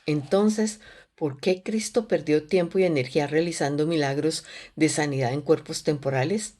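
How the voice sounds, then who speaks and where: A woman with a notably low, deep voice leads a Bible study. She speaks in an earnest, measured way and keeps turning questions back to her listeners. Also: mellow.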